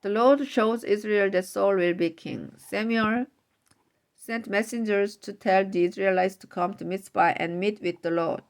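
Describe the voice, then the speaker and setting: Woman, scripture reading, steady, small slips, gravelly, mid pitch. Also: measured pace. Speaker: scripture reader.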